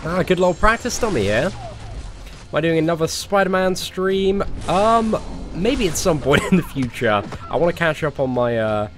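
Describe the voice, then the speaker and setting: A young man from England streams a mobile game live, chatting casually, greeting viewers by name, and using many fillers. His fairly high voice has lively intonation at a normal speed and sounds a bit nasal from a cold, with music playing in the background.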